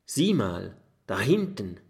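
A man voicing a young female porcupine in a children's audiobook, fearful and sharp-tongued. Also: lowish voice, sing-song, slow pace, gravelly, exaggerated voice. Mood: alarmed.

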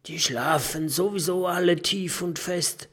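A man's voice: medium pitch, animated, slow pace. A man voicing a cheeky, confident young boy in a children's audiobook, speaking in grinning asides.

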